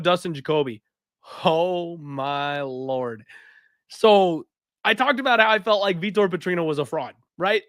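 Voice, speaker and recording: A man hosting a sports betting podcast, recapping fights casually in a raspy, throaty voice while sick with a cough. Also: high-pitched, a bit bright, no room sound, studio quality.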